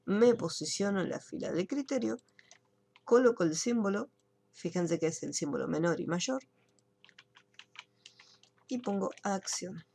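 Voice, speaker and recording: Woman, online software instructor; patient step-by-step delivery, gravelly edge. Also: mid-range voice. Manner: explains step by step, checks in with students. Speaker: computer course teacher. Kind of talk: screen-share software tutorial.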